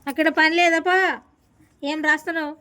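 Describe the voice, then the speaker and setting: A woman's voice: high-pitched, little pitch movement, a little fast, sharp tone. A woman, a mother, talking casually with her young daughter at home, coaxing and scolding. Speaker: mother and vlogger.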